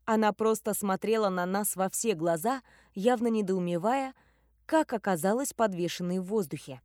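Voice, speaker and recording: A woman's voice: medium pitch, moderate pace, a little mellow, no room sound. Casting: wry female audiobook narrator, dry close sound. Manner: wry, ironic. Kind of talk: first-person audiobook narration.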